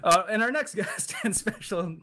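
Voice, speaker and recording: A young man hosting a casual group podcast, laughing often and filling pauses with "uh" and "um". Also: sits high, sharp tone, a little hiss or hum. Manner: giggly, lots of laughing and filler. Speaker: podcast host.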